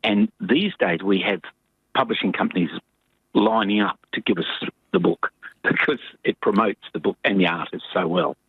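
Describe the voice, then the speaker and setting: An older man from New Zealand speaks over a tinny, dry phone line from his home abroad. His voice sits low and a little husky, but he tells his story with lots of swing in pitch, wandering from point to point. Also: normal speed, no room sound. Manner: animated, rambling storyteller. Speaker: puppet maker guest. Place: home in rural Queensland, Australia, on a phone line.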